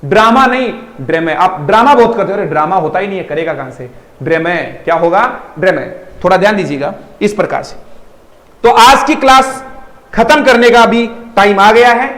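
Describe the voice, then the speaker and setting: High-pitched, animated and fairly quick, with a fairly bright tone, this man runs an online English lesson, drilling pronunciation through repetition and emphatic delivery. He speaks warmly to his students and asks checking questions, though the recording is rough and the room echoey.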